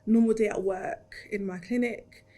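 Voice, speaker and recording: A woman's voice: mid-range voice, steady tone, moderate pace, dark tone. A woman in her thirties with a London accent, chatting in an interview and acting out her own past words as she tells the story. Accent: London English. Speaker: interviewee, graduate. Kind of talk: casual interview chat.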